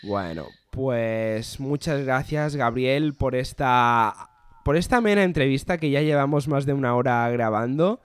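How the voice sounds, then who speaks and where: Man, interviewer, chatty, crisp voice, dry recording. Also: mid-range voice, no echo. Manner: chatty, quick to agree. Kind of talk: casual interview.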